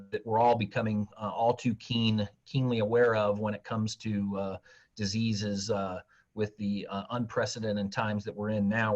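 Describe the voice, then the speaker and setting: Halting low-voiced man, lo-fi audio. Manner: slow, halting, many "uh" fillers. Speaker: turfgrass pathology researcher. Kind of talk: webinar presentation. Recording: dull lo-fi audio.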